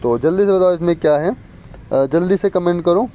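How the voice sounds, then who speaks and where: A man teaching an exam-prep spelling lesson, repeating words and quizzing viewers with quick questions. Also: high-pitched, warm tone. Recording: muffled lo-fi with faint street noise.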